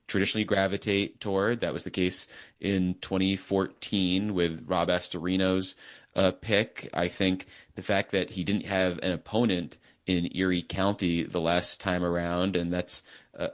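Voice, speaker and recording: Low-voiced wry male podcast host. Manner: wry, dry humor. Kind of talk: casual political chat.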